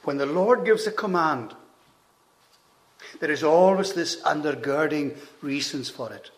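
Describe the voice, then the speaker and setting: A man preaching a sermon, slow and measured, with emphatic rises and hushed drops on key phrases. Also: fairly high pitch, animated.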